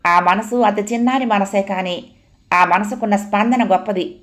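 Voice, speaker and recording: A woman reading a novel aloud as dramatic, expressive audiobook narration. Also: medium pitch, moderate pace.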